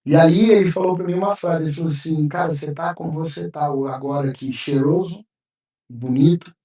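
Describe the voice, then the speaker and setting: A man's voice: on the high side, fairly quick, mellow. Male pastor, heartfelt storyteller, recorded from a distance in a live room. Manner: emotional, vivid storytelling, acting out his own past words. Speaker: pastor, podcast guest. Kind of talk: personal testimony in a podcast interview. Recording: roomy sound, mic at a distance.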